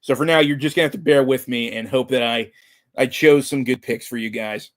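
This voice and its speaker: Man, mid-range voice, livestream host, casual chat, halting, informal, rambling. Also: medium pitch.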